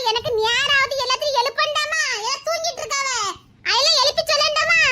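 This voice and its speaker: A woman's voice: very high-pitched, bright, forceful tone. A woman voicing a sarcastic older sister figure in a drama, speaking with a Tirunelveli Tamil accent and jeering in a mocking tone.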